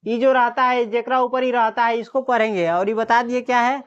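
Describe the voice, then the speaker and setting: A woman teacher giving a classroom lesson on reading Hindi letters. She sounds out letters slowly one by one, then quizzes the class and answers herself. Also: a little high, fairly even intonation, clean tone. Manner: drills by asking questions and answering them herself. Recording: dull lo-fi recording.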